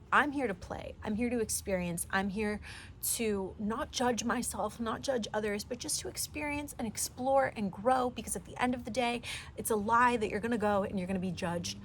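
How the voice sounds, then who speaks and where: On her own podcast, a woman in her twenties gives a heartfelt, meandering motivational talk in a fairly high voice, riddled with "like" and "you know." There's slight hiss or hum in the audio.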